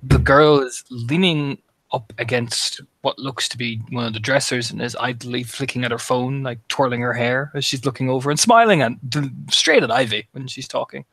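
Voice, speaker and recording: A man's voice: mid-range voice, normal speed, a bit bright, no echo. A man co-narrating a tabletop game as game master, in a casual, hesitant way.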